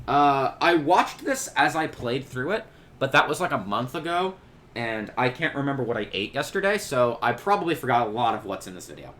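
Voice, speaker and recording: A man hosting a reaction video, talking casually with quick jokes, asides and lots of fillers. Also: medium pitch, very animated, a bit bright. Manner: chatty, joking, with many fillers and quick asides. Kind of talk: casual commentary over a video.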